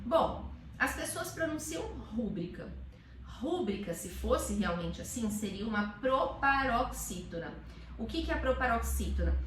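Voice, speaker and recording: A woman teacher explaining in casual chat, animated and calling words out aloud to demonstrate. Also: fairly high pitch, normal speed, reverberant, distant mic, noisy background.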